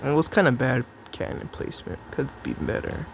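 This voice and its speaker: With big swings in pitch around a medium register, this young gameplay commentator talks briskly through his own match, joking with himself and his opponent. There's vocal fry and slight background noise.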